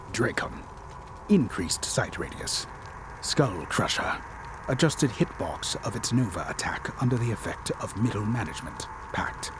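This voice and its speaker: A man's voice: sits low, noisy background. A man giving a hammy, theatrical stage-actor reading of game patch notes.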